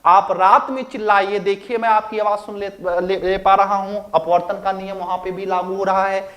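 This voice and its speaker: A man's voice: high voice, flat delivery, moderate pace, a bit bright. A man voicing a child who earnestly explains a science rule to his father.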